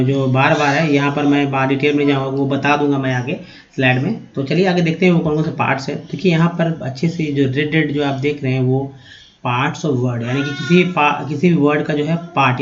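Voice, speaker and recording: A man teaching English reading over slides, patiently sounding out each word slowly and addressing viewers as friends. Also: fairly high pitch. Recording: dull, roomy lo-fi sound.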